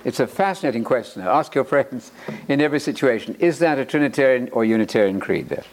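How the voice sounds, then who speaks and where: A man giving a lively preaching lecture, emphatic and animated, with repeated words and joking asides. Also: medium pitch, fast.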